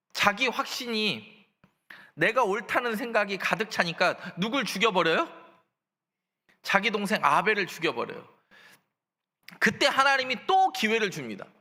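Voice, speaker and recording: Animated high-voiced male pastor preaching. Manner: animated preaching, asking the congregation questions. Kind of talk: sermon. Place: church sanctuary. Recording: church hall reverb.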